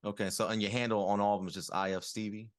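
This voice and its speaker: A man's voice: fairly low pitch, steady tone, fast, no echo, clean studio sound. A young man in his twenties hosting a podcast, asking questions in a rambling casual way. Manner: rambling, many fillers and restarts. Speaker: podcast host. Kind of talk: casual interview.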